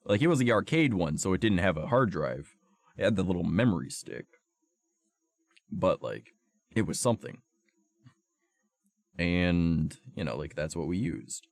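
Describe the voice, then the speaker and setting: A young man with a low voice chats to his stream viewers while nursing a sore throat. He tells a story loosely, with lots of "like" and plenty of swearing. The sound is close and dry. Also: big pitch swings, a little slow, long pauses, no echo. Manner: rambling, profane storytelling full of "like". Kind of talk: casual chat to stream viewers.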